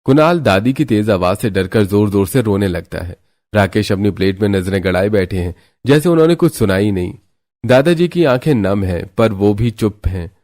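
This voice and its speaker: A man narrating a scripted family story in a steady storytelling manner. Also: lowish voice, normal speed.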